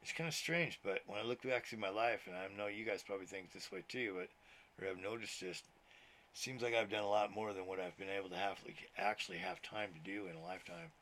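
Speaking into a laptop at home with the TV on, a man in his sixties who is a minister hosts his own podcast in a loose, wandering monologue. His voice sits lowish, brisk and a bit bright, and a slight hiss or hum runs underneath. He swears occasionally and laughs a lot.

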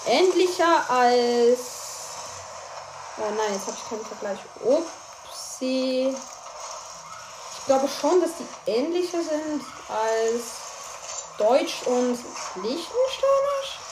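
Excitable high-voiced woman narrating gameplay. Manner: excitable, shouts and cries out at plays, chatty asides to listeners. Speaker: gaming streamer. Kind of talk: live gameplay commentary. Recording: echoey room with background noise.

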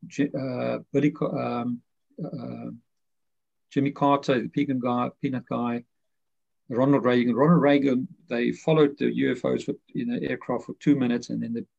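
A man's voice: mid-range voice, level tone, moderate pace, vocal fry, darkish tone, husky. A man, a guest author, explaining his ideas in a rambling way full of fillers and restarts. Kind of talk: conversational explanation. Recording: muffled lo-fi audio.

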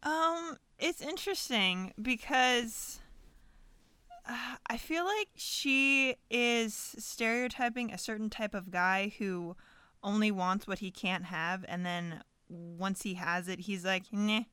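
A woman's voice: mid-range voice, slow, bright, forceful tone, clear, resonant tone, dry recording. A woman co-hosting a casual podcast, chatty and laughing easily. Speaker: podcast co-host.

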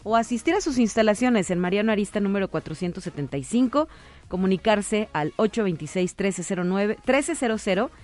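A woman with a Mexican accent hosts a live radio show, conducting interviews and reading announcements while music plays behind her. Her medium-pitched voice is expressive and slightly mellow, and she talks a little fast.

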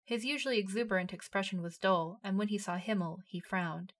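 A woman reads a story aloud in a steady narrating voice. She keeps an even, unhurried storytelling manner. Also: mid-range voice. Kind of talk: reading fan fiction aloud.

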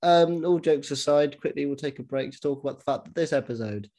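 A man's voice: fairly high pitch, a little fast, dark tone. A man hosting a casual podcast chat, talking animatedly with lots of swearing and false starts. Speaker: podcast host.

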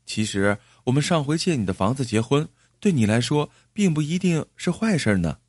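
A man's voice: mid-range voice, big pitch swings, brisk, a little mellow, no echo, studio quality, voice pushed up. A man putting on a cheerful, coaxing young bride. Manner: chatty, coaxing. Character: young rural woman, newlywed bride, cheerful and persuasive.

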